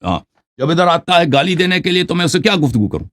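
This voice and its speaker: A man's voice: on the high side, big pitch swings, fairly bright tone. A man in a heated live debate, indignantly demanding an apology and lecturing at length. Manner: lecturing, repeats "right?". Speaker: religious debater. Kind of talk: heated live-call argument.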